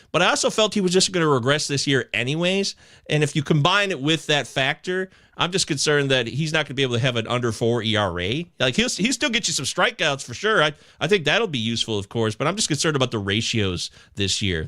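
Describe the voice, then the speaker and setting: A man talking fantasy baseball picks on a podcast, theatrical and emotional, swinging from loud outbursts to quiet asides. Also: mid-range voice. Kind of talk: casual podcast chat.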